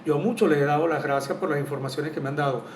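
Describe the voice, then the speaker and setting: Earnest man in a roomy echo. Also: racing. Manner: earnest and reflective, with frequent "eh" hesitations. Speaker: spiritual therapist. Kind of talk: casual spoken monologue. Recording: roomy echo from a distant mic, faint rumble.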